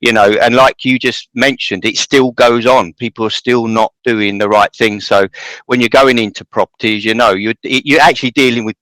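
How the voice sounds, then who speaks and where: A man's voice: medium pitch, steady tone, normal speed, a bit bright, no room sound, poor audio. A man hosting a podcast interview, earnest and agreeable, running his thoughts together in long sentences. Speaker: podcast host.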